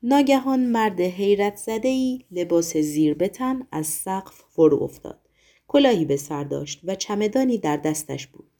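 A woman narrating an audiobook with a steady, expressive reading. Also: medium pitch.

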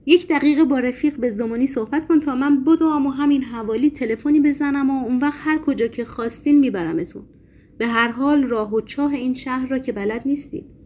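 A woman's voice: sits high, mellow, voice pushed up. A woman voicing a nervous male editor who humors a madman, stammering and placating, in a storybook reading.

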